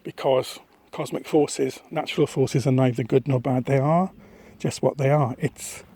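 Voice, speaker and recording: Husky man musing on a walk. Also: mid-range voice, steady tone, mellow. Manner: thoughtful, rambling, pausing often. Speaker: vlogger. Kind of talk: casual walking vlog monologue. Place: outdoors on a misty countryside walk. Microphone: phone held at arm's length.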